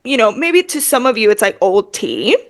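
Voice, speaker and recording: A woman co-hosting a podcast in casual, animated chat, using a lot of filler words. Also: on the high side, normal speed. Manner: animated, chatty, heavy use of filler words. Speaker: podcast co-host.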